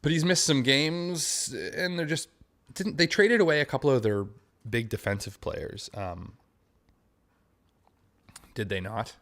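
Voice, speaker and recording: A man's voice: mid-range voice, unhurried, pauses often, a bit bright. Rambling man talking hoops. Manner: rambling, many fillers and restarts, laughs often. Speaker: podcast co-host. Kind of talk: casual sports chat.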